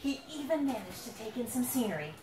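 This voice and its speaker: Here a high-voiced woman, the author of the picture book, reads it aloud with swooping animation. She builds drama by drawing out words, plays it up, and asks a young listener questions, while the recording sounds distant and roomy with faint noise nearby.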